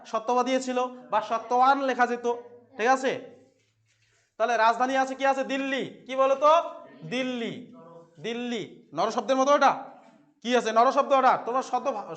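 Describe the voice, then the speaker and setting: A man's voice: very high voice, fairly bright tone. A male teacher with a Bengali accent, leading a classroom lesson and constantly asking and repeating questions to his students.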